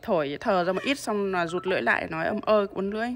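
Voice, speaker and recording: A woman's voice: medium pitch, quick pace, noisy background. A mother coaching her child at home, patiently repeating and stressing sounds for pronunciation practice.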